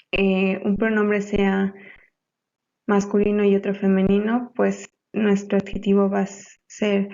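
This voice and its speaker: Slow gravelly young woman explaining grammar. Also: mid-range voice, darkish tone. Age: young adult. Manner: hesitant, explaining with fillers. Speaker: student presenter. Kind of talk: class presentation on grammar. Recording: dull lo-fi recording.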